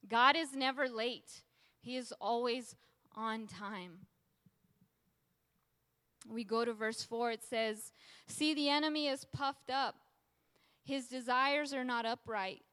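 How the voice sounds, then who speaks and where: A woman's voice: fairly high pitch, slow pace, sharp tone. A woman preacher giving an emphatic sermon and repeating key phrases for weight. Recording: long hall reverb.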